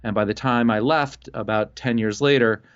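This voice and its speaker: This medium-pitched man from Costa Rica, invited as an entrepreneur, narrates his life casually, pausing often and using plenty of fillers. The audio is dull.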